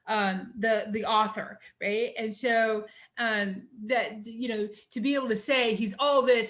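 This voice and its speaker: A middle-aged woman, teaching a recorded lecture on essay writing. Her voice sits a bit high and sounds bright and forceful. She talks in a chatty way, with many fillers and "you know"s.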